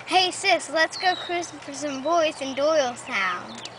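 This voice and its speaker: A woman's voice: sits high, animated, measured pace. A woman playing a cheeky young daughter learning to drive in a comic wedding toast skit, recorded from a distance with noise. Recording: distant, noisy live event sound.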